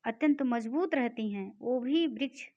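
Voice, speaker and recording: Slow, patient woman Sanskrit teacher. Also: on the high side, darkish tone, slight background noise. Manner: slow, reads Sanskrit lines then explains in simple terms. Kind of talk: classroom lesson, reading and explaining a text. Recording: dull lo-fi recording.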